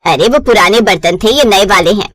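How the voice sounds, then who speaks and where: A stern, nagging mother-in-law, voiced by a woman scolds her daughter-in-law in a lower, firm cartoon voice. Her lines are taunts and orders. The sound is close and dry. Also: expressive, normal speed, no room sound, natural voice.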